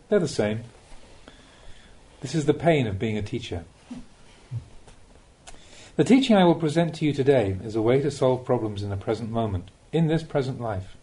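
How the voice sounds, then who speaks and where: A Buddhist monk reads a scripted spiritual teaching for an audiobook, his phrasing measured and deliberate and sprinkled with rhetorical questions. His voice is medium in pitch with a dark tone.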